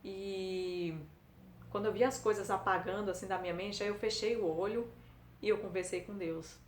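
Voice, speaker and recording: Halting middle-aged woman, roomy sound. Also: medium pitch, steady tone, slight background noise. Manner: halting, hesitant, many restarts. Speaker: testimony speaker. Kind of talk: personal testimony. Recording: roomy echo.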